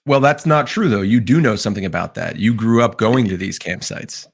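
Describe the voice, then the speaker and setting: A man's voice: fairly low pitch, a little fast, vocal fry. A man co-hosting a casual podcast, earnestly arguing his point with enthusiasm. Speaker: podcast co-host. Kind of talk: casual chat.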